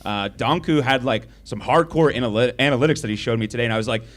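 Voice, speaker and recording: A man hosting a casual livestream, joking, teasing the others and giving enthusiastic shout-outs. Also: medium pitch, fast talker. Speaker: livestream host.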